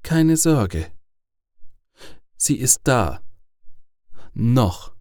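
A man voicing a cold male caller who threatens in a calm, measured way. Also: mid-range voice, no echo, studio quality. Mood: menacing.

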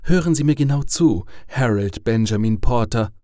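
A man voicing a cold male caller who threatens in a calm, measured way. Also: medium pitch, no room sound, studio quality, natural voice. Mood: menacing.

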